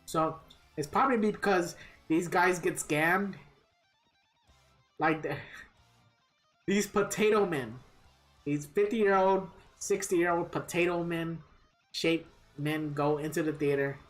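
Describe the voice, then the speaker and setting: A woman live-streams a game and chats casually with her viewers, grumbling, kvetching and swearing freely. Her voice is fairly low, and she takes it slowly with long pauses. Plucked guitar music plays behind her voice.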